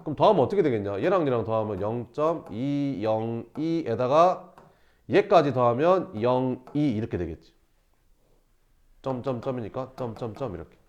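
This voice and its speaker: A man's voice: mid-range voice, animated, normal speed, a little mellow. A man teaching a math lesson, walking students through each step by asking questions and answering them himself. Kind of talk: recorded math lesson explaining problems. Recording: slightly dull lo-fi recording.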